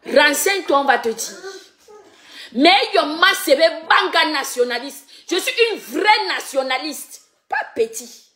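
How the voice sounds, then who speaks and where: A woman's voice: high voice, animated, a little slow, pushed and bright. A woman, ranting and taunting, laughing and repeating her jeers. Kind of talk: mocking rant.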